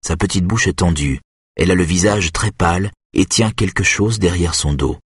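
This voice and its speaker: A man with a very low, husky voice reads a dark story aloud at a steady, measured pace. The sound is dry and close, with no room around it. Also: no echo. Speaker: narrator. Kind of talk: audiobook narration.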